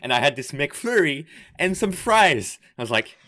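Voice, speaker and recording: A man's voice: fairly high pitch, sing-song, moderate pace, sharp tone. A French-speaking man from Quebec hosting a casual podcast chat in English, laid-back and swearing casually. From Quebec, Canada. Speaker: podcast host.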